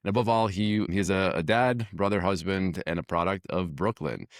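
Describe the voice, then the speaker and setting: Deep-voiced male podcast host. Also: moderate pace, dry recording, clean studio sound. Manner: friendly, asks short open questions, slight stumbles. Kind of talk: interview hosting.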